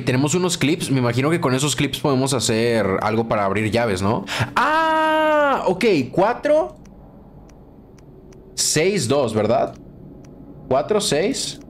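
Playing a horror game, a young man with a Mexican Spanish accent provides let's play commentary as a gaming streamer, cursing and screaming at the frightening moments. He has a mid-range voice, and a slight hiss or hum is audible.

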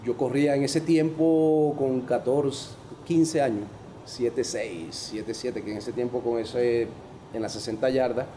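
A man's voice: mid-range voice, a little slow, a little hiss or hum. A man with a Venezuelan accent, a former ballplayer and podcast guest, telling anecdotes casually and jumping into other people's voices as he goes. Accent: Venezuelan Spanish. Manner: animated, acts out the people in his stories with a raised voice. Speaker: former baseball player, guest. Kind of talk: casual storytelling.

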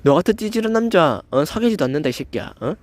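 A man's voice: on the high side, very animated, fast. Stammering young man ranting angrily. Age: young adult. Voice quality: stammers, slightly slurred pronunciation. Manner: confrontational, swearing, constant filler "eo". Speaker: channel host. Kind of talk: angry rant at a commenter.

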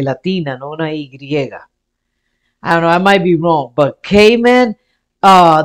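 A man with a fairly high voice hosts his own music reaction vlog. He chats loosely and keeps circling back to say the same thing again in other words. It is easygoing, unscripted talk straight to the viewer. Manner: rambling, repeats and restates points. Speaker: music reaction channel host. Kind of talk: casual vlog commentary.

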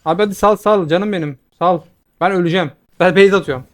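A young man giving quick, excitable commentary over his own gameplay, swearing when frustrated. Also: high-pitched. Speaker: gaming video creator.

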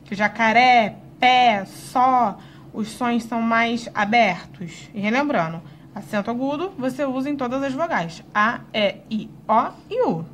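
A woman teaching a recorded lesson to young schoolchildren, slowing down to sound out each word clearly. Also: sits high, a little hiss or hum. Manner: slow, clearly spelled-out words for young pupils. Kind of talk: recorded video lesson for children.

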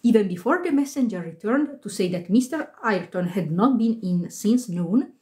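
A woman's voice: mid-range voice, lively intonation, moderate pace, a little mellow. A woman reading a ghost story aloud on a live stream, with small slips and casual asides to her viewers. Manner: reads aloud with occasional slips, laughs and comments. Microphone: phone.

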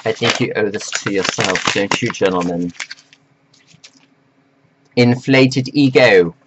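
A man delivering a slow, preachy, scolding monologue to men, reading from notes with sudden jumps in pitch. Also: heavy background noise. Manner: reads from notes. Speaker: self-styled life coach addressing men. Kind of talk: lecturing monologue to camera.

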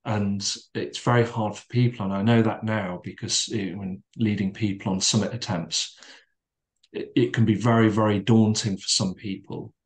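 A middle-aged man, a podcast guest, reflecting calmly in conversation with frequent fillers and restarts. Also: on the low side. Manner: calm, measured, with many restarts and fillers.

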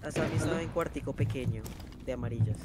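A man in gaming voice chat, a teammate giving quick, low-key tactical callouts. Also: a crowd in the background.

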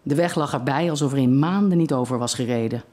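Reader, short story read aloud, steady, measured, even pitch. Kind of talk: reading a short story aloud at a literary evening.

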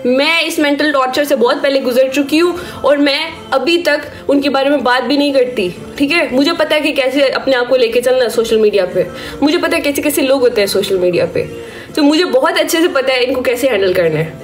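A woman with a hoarse, sore-throated voice delivering a stern warning rant to her live-stream viewers, scolding them and asking "okay?" after each point. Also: high voice, a little fast, faint music behind. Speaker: social media creator on a live stream.

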